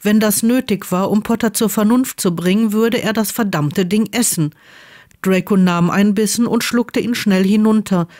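A woman reading a story aloud in a calm, measured way. Her voice sits at a middle pitch, and the delivery is steady narration. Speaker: fan fiction reader.

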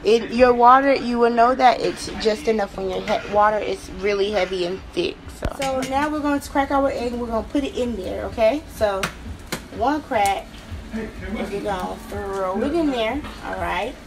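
A woman's voice: fairly high pitch, moderate pace, background noise. A young woman giving a casual step-by-step cooking demonstration in a small home kitchen, talking to a phone camera. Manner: chatty, step-by-step, repeats "we're gonna".

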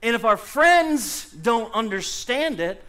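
A middle-aged man preaching a sermon from a church pulpit into a handheld mic, animated and calling out to the congregation with sudden loud bursts. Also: very high voice, slow, smooth. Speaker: pastor. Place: church sanctuary.

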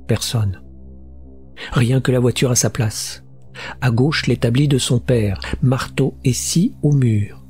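A man's voice: mid-range voice, slow pace, a little mellow. Man reading a horror story aloud. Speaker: audiobook narrator. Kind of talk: scripted narration of a horror short story. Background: faint music.

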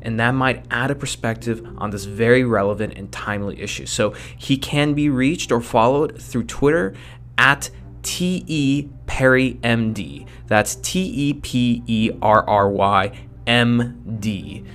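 A man's voice: mid-range voice, unhurried, fairly bright tone. A man reading a scripted podcast introduction. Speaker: podcast narrator.

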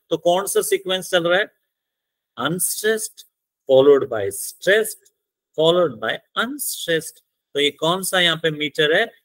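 A male teacher giving a lecture on poetic metre. He explains step by step, asks questions and answers them himself, and reads lines of verse slowly. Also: fairly high pitch, sharp tone, no room sound, low-quality recording. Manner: mixes English terms into his talk, reads verse lines slowly. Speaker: English literature teacher. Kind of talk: classroom lecture.

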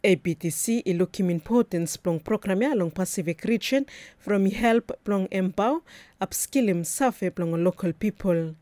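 A woman's voice: medium pitch, moderate pace, dark tone, dry recording. A woman with a Vanuatu accent, a news reporter narrating a scripted report in Melanesian Pidgin.

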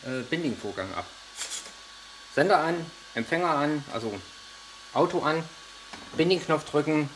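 A man's voice: mid-range voice, a bit bright, a little hiss or hum, poor audio. Man explaining step by step at a workbench. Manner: step-by-step explaining while handling parts, with frequent hesitations. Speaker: RC model reviewer. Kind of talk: hands-on tutorial.

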